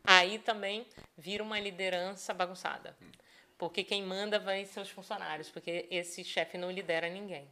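A woman speaking as a sales expert in a casual podcast chat, animated and playing out quoted people as she talks. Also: on the low side, moderate pace. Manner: animated, acts out quoted speech in other voices. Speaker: neurosales specialist, podcast guest.

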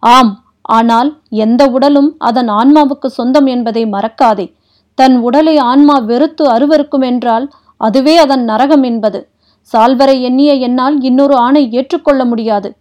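A woman's voice: high-pitched, a little slow, darkish tone. A woman voicing a proud, fiery young princess who speaks sharply and defiantly, read for an audiobook. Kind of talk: audiobook character reading.

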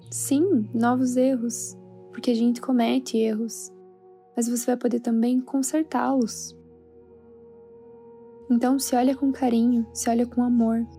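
A Brazilian woman guiding a sleep meditation in a soothing, hushed, spa-like manner. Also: on the high side, vocal fry. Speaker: meditation guide. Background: soft background music.

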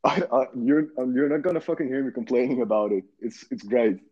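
A man's voice: mid-range voice, fairly quick, a little mellow, husky, dull audio. A fifteen-year-old boy from the Netherlands, guest in a casual chat, talking earnestly and repeating words as he starts. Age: teens.

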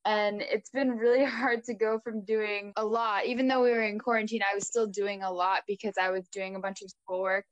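A woman's voice: mid-range voice, fairly even intonation, fairly quick, few pauses, no echo. Chatty young woman, dry sound. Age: young adult. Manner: chatty, laughs often. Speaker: co-host. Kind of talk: casual chat.

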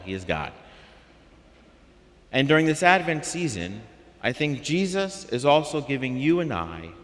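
A man preaching a calm, measured homily at a middle pitch. His voice carries a long reverb from the church around him. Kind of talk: sermon.

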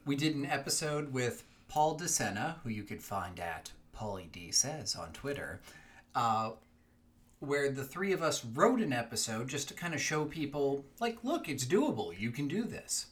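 A man co-hosts a podcast in a relaxed, chatty way. His pitch swings widely and he fills his talk with little fillers. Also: moderate pace. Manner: lively, chatty, many fillers. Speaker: podcast co-host. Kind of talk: casual chat about a fiction podcast.

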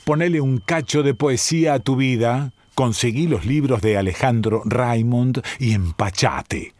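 A man's voice: mid-range voice, unhurried, darkish tone, dry recording. A man with an Argentine accent, a radio host reading sponsor messages and carefully spelling out web and email addresses. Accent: Argentine Spanish.

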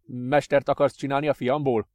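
A man voicing a desperate father, loud, defiant and pleading. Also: on the high side, voice pushed up, lightly acted. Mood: indignant.

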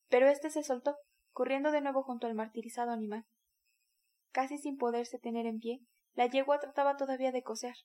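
A woman reads a classic novel aloud, her voice high and clear. The narration is dramatic and expressive, a scripted audiobook telling.

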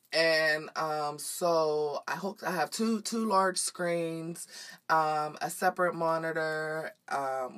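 A woman with a slightly raspy morning voice, chatting casually as a podcast host in a sassy, profane, unfiltered way. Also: low voice, a bit bright. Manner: sassy, profane, unfiltered, says "honey" often. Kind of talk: casual chat, solo podcast. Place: walk-in closet at home.

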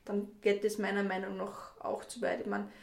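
A woman's voice: medium pitch, completely flat delivery, normal speed, creaky, reverberant, a little hiss or hum. A woman interviewing a guest, chatting in dialect with short affirmations and her own opinions. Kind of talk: casual conversational interview.

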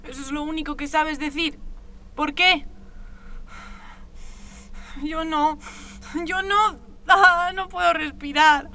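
A woman's voice: high-pitched, slow pace, long pauses, bright, forceful tone, a little hiss or hum, exaggerated voice. A woman reading an audiobook, voicing a frightened young girl locked alone in a cell, pleading and repeating herself, short of breath and close to tears. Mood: desperate. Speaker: audiobook reader.

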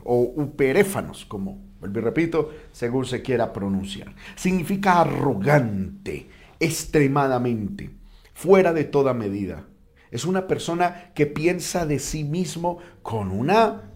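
Fervent man preaching a Bible lesson. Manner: repeats "amén" and "hermano", stumbles and restarts often; emphatic on key words, drops low and soft on solemn points. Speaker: preacher teaching a Bible class. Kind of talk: sermon-style Bible teaching.

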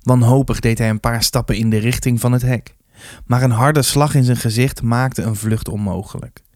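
A man reading a youth novel aloud with steady, measured narration. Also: medium pitch, dry recording, studio quality. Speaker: reader. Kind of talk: storybook reading.

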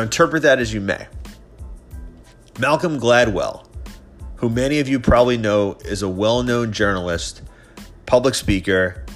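A podcast host in his thirties runs a solo show of opinion and sports commentary in a fairly low voice. A head cold leaves him stuffy and nasal, as if his nose were pinched, and his throat is slightly scratchy.

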